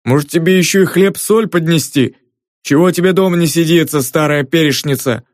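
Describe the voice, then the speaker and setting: A male audiobook narrator voicing a fat, grumpy and quick-tempered gatekeeper. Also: a little high, no room sound, clean studio sound, lightly acted. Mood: indignant, blustering. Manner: grumbling, indignant, blustering.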